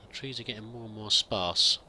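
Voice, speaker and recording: His fairly low voice comes out pushed and bright, and he talks fairly quickly. The man is a let's play gamer roleplaying a pilgrim, offering in-character commentary as he thinks aloud, musing and hesitant with frequent restarts. Slight background noise is present.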